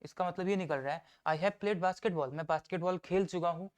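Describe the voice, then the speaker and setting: A man teaching an exam-prep grammar lesson, explaining step by step, reading example sentences out slowly and answering his own questions. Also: high voice. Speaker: English teacher.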